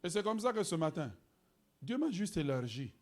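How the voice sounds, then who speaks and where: A man preaching a sermon to his church, moving between quiet, laughing asides and loud, shouted exhortation. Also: sits high, very animated, moderate pace. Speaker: pastor. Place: church sanctuary.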